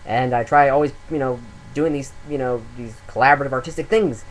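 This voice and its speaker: A young male comedian talking to his webcam in a loose, rambling monologue, full of "uh"s and restarts. His voice sits at a middling pitch, and faint hiss runs under the webcam recording. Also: fairly quick, poor audio. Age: 20s. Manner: rambling, self-deprecating, many fillers.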